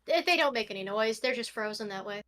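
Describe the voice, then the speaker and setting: A woman running a tabletop game as game master, narrating scenes slowly and descriptively between casual chatter. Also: fairly high pitch, animated. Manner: eating while narrating, slow descriptive narration.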